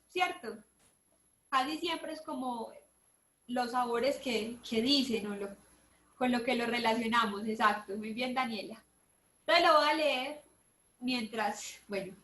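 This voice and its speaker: A woman teacher leading an online workshop, reading a picture book aloud with lively expression and asking her listeners questions. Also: high voice, roomy sound. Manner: expressive storybook reading, asks the audience questions.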